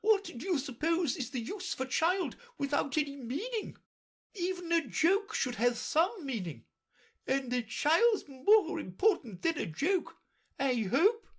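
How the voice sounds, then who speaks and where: A woman voicing a stern, bossy queen who scolds sharply and loudly. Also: high voice, very animated, unhurried, voice pushed up, heavily acted. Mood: imperious scolding.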